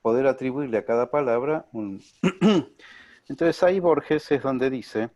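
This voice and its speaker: A man's voice: medium pitch, a little slow, a little mellow, dry recording. A man with an Argentine Spanish accent giving an academic lecture over a video call, reflective and peppered with rhetorical asides. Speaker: panelist at an online lecture.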